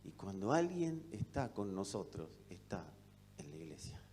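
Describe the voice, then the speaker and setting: A man preaching a sermon with an Argentine accent, asking rhetorical questions and swinging between loud and soft delivery. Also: sits low, very animated, normal speed, gravelly, slight background noise. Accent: Argentine Spanish. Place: church hall. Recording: long reverb of a church hall.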